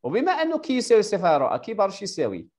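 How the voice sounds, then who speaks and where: A male electrical engineering teacher with an Algerian Arabic accent, giving a live tutoring lesson over a video call and quizzing his student with rapid-fire questions before confirming her answers. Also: high-pitched, huge pitch swings, a little mellow.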